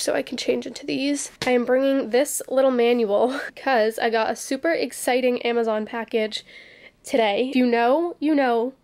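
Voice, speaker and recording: A woman's voice: fairly high pitch, a little mellow. Chatty young woman vlogging in her bedroom. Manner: chatty, lots of ums and likes. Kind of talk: casual vlog chat. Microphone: handheld camera at arm's length.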